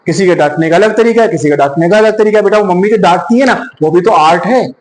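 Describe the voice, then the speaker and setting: A man's voice: high-pitched, fast talker, darkish tone, echoey room, a little hiss or hum, low-quality recording. A male teacher lecturing to students, often checking in with "yes or no" questions. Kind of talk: classroom lecture.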